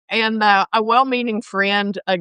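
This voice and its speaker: An older woman talks in a bright, crisp voice, chatting casually and upbeat. She laughs easily as she goes. The sound is close and dry. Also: medium pitch, fairly even intonation, slow, dry recording, rough recording. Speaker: podcast co-host. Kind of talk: casual conversation.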